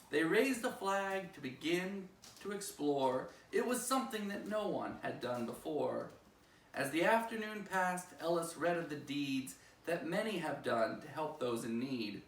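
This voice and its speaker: In the manner of a school principal at story time, a man with a fairly high voice reads a rhyming picture book for children. He uses a singsong, expressive delivery, and the distant mic picks up a roomy echo.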